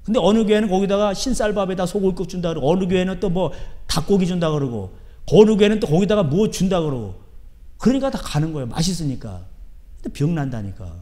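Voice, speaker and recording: Brief: male pastor, high-pitched and emphatic, sermon in a church. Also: lively intonation, fast. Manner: emphatic, swinging from soft asides to shouting. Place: church sanctuary.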